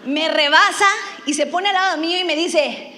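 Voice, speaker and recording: A woman's voice: extremely high pitch, moderate pace, sharp tone. A woman from Mexico, preaching a sermon and telling a funny personal story, acting out her own lines with animation.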